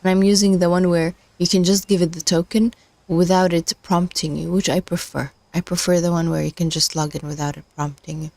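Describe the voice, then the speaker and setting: Low, gravelly, and darkish, this woman speaks briskly with little pitch movement in a dry recording. A livestream host learning machine learning, she's losing her voice and thinks aloud to herself, hesitating, restarting, and using many fillers.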